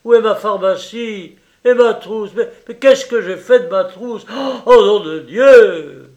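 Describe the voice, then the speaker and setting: A gruff army doctor roaring and cursing at his patients, voiced by a man reading a story. The voice is pitched high and thrown loud in anger, and the words come out slowly. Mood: furious. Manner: bellowing, swearing. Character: gruff furious male army surgeon.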